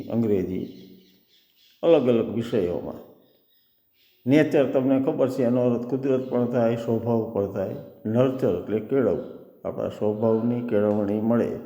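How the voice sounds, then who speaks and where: A man's voice: medium pitch, mellow. A man telling a children's story, explaining words like a teacher. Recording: echoey room with long reverb.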